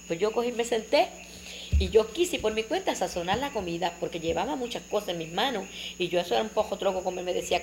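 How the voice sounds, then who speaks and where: An older woman, telling childhood memories in an interview. She tells them in a lively, animated way. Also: mid-range voice, a little hiss or hum. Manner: animated, vivid storyteller who acts out family dialogue.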